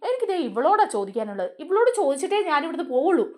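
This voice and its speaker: An angry young man from a TV serial hurls accusations in a raised, lively voice, as a woman narrator acts him out. The voice sits high and swings widely in pitch. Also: racing. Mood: accusing.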